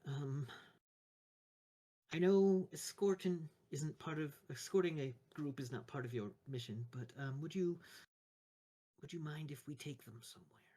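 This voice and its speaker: A man's voice: on the high side, unhurried, dark tone, voice pushed up. A man playing a practical, considerate woman healer in a tabletop game. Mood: tentative, polite.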